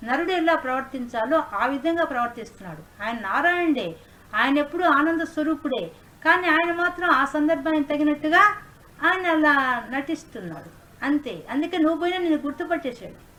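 A woman's voice: high voice, lively intonation, a little fast, a bit bright. A woman voicing a male god who patiently explains things to his wife, in a storytelling lesson. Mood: explaining calmly.

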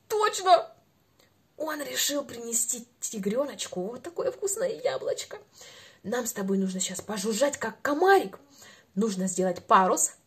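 Her voice leans high and carries a breathy edge. She's in her twenties, guiding a small child through a playful speech lesson, pronouncing everything with exaggerated care in a bright, singsong, encouraging manner.

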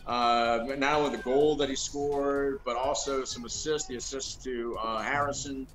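A man's voice: medium pitch, steady tone, moderate pace, a bit bright, low-quality recording. A middle-aged man giving casual football analysis over a video call from a room at home, thoughtful and hedging with lots of fillers. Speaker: co-host analyst. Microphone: video call webcam.

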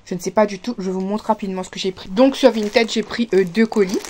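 A woman's voice: mid-range voice, steady tone, fast, a little mellow, a little hiss or hum. A woman with a Réunion French accent, chatting casually to camera as she unboxes parcels, full of fillers and restarts. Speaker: vlogger.

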